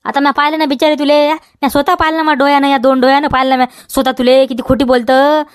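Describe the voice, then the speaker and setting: A woman's voice: sits high, flat delivery, very fast, dry recording, clean studio sound, close to an everyday voice. Woman playing a nagging village farmer. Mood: indignant. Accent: Vidarbha Marathi. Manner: nagging, repeats demands, keeps tagging "हा?". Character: scolding village farmer man guarding his field. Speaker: comedy sketch actor. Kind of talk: village comedy sketch.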